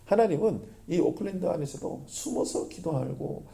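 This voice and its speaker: A man preaching a sermon as pastor, lively, often asking the congregation questions. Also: on the high side, moderate pace, creaky.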